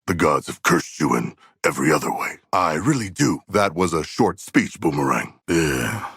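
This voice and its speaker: An actor playing a huge, proud but earnest and anxious shark demigod in a video game, speaking in formal, stilted, literal-minded phrases. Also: male voice, extremely low pitch, very animated, moderate pace, a bit bright, slightly rough, dry recording, clean studio sound, full character voice. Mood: solemn, earnest. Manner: formal, stilted, solemn phrasing with few contractions. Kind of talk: video game character dialogue.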